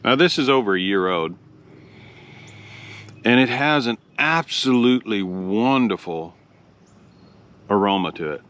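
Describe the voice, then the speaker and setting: Bright, crisp, slow-talking low-voiced man. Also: animated. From Oklahoma, United States. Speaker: pipe tobacco review host. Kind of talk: casual explanatory product review.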